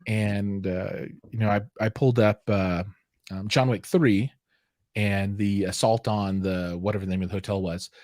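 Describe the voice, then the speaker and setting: A man's voice: fairly low pitch, steady tone, moderate pace, darkish tone, dry recording, studio quality. A middle-aged man hosting a casual live chat, rambling and self-deprecating, with lots of fillers and restarts. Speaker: host.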